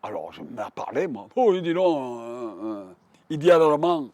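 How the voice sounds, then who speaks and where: A man's voice: medium pitch, very animated, normal speed, a little mellow, no room sound. A man in his nineties with a Marseille accent, telling his wartime memories vividly, with frequent repetitions. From Provence, France. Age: 90s. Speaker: war veteran witness. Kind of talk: oral history testimony.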